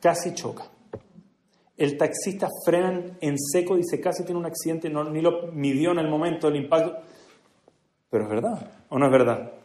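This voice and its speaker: A man giving an earnest religious speech to a gathering, moving between hushed and emphatic delivery. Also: on the high side, normal speed. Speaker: speaker at a community prayer gathering. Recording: echoey room.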